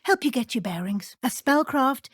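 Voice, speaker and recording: An actress playing a brisk, stern but encouraging middle-aged British witch professor in a video game, speaking formally and precisely. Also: high voice, lively intonation, no room sound, studio quality. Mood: instructive. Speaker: transfiguration teacher. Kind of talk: scripted video game dialogue.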